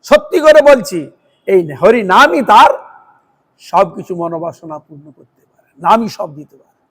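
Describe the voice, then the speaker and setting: A man with a Bengali accent giving a devotional sermon, chanting verses slowly and then explaining them with emphatic repetition. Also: high-pitched, animated, bright, forceful tone, breathy edge, big-room sound. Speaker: preacher.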